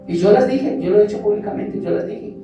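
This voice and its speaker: A man's voice: sits high, brisk, muffled recording. A male pastor preaching a sermon and telling his own testimony, asking the congregation rhetorical questions. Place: church sanctuary. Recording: echoey church hall, far mic, music behind. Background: music.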